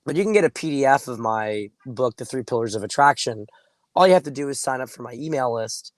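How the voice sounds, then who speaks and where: A man hoarse with laryngitis, sounding muffled, gives casual coaching advice in deliberate, emphatic phrases, now and then clearing his throat. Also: medium pitch, expressive, dry recording. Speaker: dating coach and host. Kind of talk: casual straight-to-camera advice talk.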